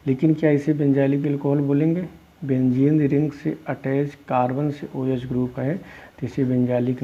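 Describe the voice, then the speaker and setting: Male chemistry teacher, husky tone, patient step-by-step lecturing, muffled lo-fi sound. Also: mid-range voice. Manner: explains step by step, asks students questions and answers them himself; calls students "beta". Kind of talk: classroom lecture. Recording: dull lo-fi recording.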